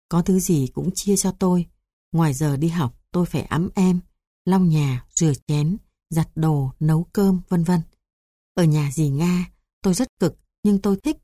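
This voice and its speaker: A woman with a Southern Vietnamese accent reading her memoir aloud in a calm, even storytelling manner. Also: sits low, no room sound, studio quality. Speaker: memoir narrator.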